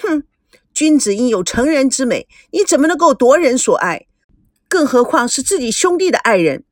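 A woman's voice: high-pitched, very animated, normal speed, no room sound, studio quality. A woman voicing a glib, cheeky young woman who teases and huffs. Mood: sassy. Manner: glib, teasing, huffy. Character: sharp-tongued young woman, cheeky and meddling.

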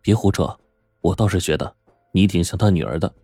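A man's voice: low voice, brisk, warm tone, slightly rough, no echo, studio quality, faint music behind. A man doing a touchy young man.

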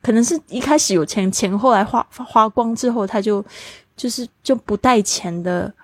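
A woman hosting a language lesson podcast, explaining new words and spelling them out slowly. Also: a little high, darkish tone, slightly rough, no room sound, clean studio sound. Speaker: English teacher.

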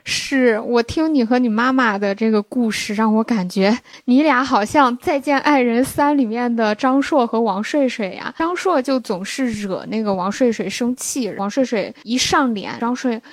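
A young woman co-hosting a podcast, talking in a calm, reflective, analyzing way. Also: fairly high pitch, normal speed, hardly any pauses, no echo. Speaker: podcast co-host. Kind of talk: casual chat.

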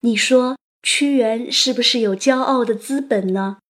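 A woman narrating a written story as an audio host, in a playful, chatty manner with lively asides. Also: on the high side, measured pace.

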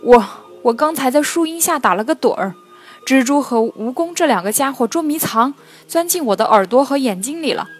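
A woman voicing a big male lion in pain in a children's storybook reading, loud and groaning. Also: high voice, expressive, a little fast, soft background music, pitched above the performer's own voice.

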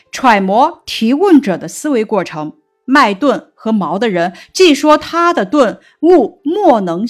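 Slow, lively-pitched woman teaching a lesson. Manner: slow, measured explaining tone, lifting pitch on quoted classical lines. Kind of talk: textbook lesson narration.

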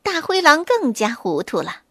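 High-voiced woman reading a children's story. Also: moderate pace, no room sound, clean studio sound. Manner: clear, expressive storybook delivery.

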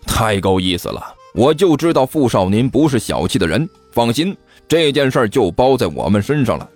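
A man's voice: very animated, normal speed, a little mellow, no echo, faint music behind. A man voicing a greedy hired thug on the phone who fawns over his paying client. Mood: fawning. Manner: ingratiating, low, eager to please.

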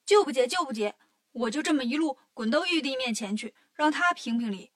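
Woman voicing a cocky monkey king, storybook, stubborn, brash, highish. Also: animated, brisk.

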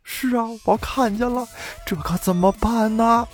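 A man's voice: very high-pitched, measured pace, faint music behind, voice pushed up. A man voicing a timid, cowardly elder brother who frets and pleads in a raised voice. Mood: panicked. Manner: fretful, pleading.

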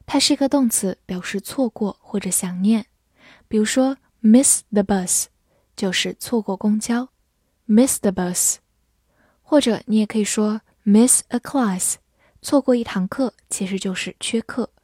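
A woman teaching English vocabulary in a clear, patient way, repeating each word slowly. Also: medium pitch, mellow, dry recording, studio quality. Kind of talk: vocabulary lesson.

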